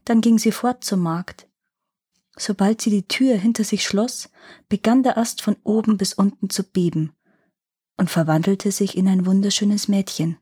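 Husky-voiced woman reading a fairy tale. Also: medium pitch. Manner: calm, expressive narration. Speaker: storyteller. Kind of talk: storybook reading.

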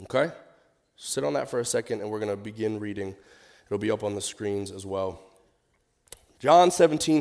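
Nasal, crackly-voiced man preaching. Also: medium pitch. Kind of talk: conversational church sermon with scripture reading.

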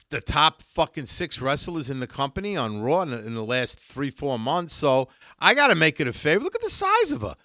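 A man's voice: on the high side, pushed and bright, no room sound, clean studio sound. A man in his sixties co-hosting a wrestling podcast, blunt and jokey in casual chat. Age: 60s. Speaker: podcast co-host.

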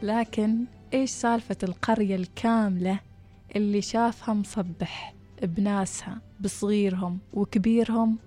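A woman narrating a story, acting out the people in it with lively shifts of voice. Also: medium pitch, normal speed, faint music behind. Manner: animated, acts out villagers' voices.

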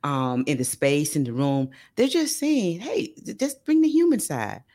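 A woman hosting an interview podcast, talking to her guest and audience in an animated, emphatic way, drawing out key phrases. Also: sits low, measured pace. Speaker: podcast host. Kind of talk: casual interview chat.

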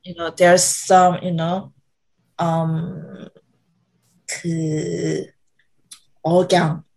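Korean woman, second-language English, unhurried and hesitant; podcast guest. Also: lowish voice, flat delivery, vocal fry, a little mellow, husky, low-quality recording. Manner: searches for English words, hesitant. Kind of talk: casual podcast chat.

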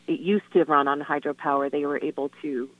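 A woman speaking over the phone as a guest on a call-in radio show, earnest and halting, with lots of "um" and "you know". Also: low-pitched, fairly even intonation, no room sound. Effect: heard over the phone. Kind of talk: casual radio phone interview. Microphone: telephone. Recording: tinny, dry phone line.

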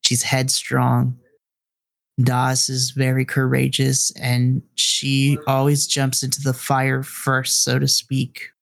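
A man running a tabletop game, describing scenes slowly and addressing the player directly. His voice has a gravelly, creaky edge, and the recording is dry with no room sound. He lingers over each phrase. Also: medium pitch, monotone, fairly bright tone, dry recording. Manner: second-person narration addressing the player by name. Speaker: game master.

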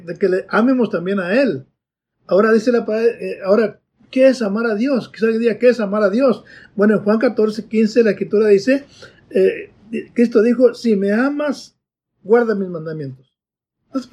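Earnest male preacher, husky and high-pitched, sermon delivery full of fillers. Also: a little mellow. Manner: earnest, repeats "hermanos" and fillers.

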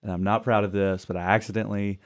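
Lively low-voiced man telling stories. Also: fast. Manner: animated storyteller acting out quotes. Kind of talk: casual storytelling chat.

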